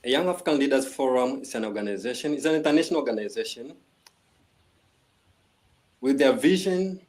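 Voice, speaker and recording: A man's voice: mid-range voice, expressive, brisk, a little mellow. A man from Tanzania speaking formally as a guest on a video call, with frequent restarts. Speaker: guest, organization vice president.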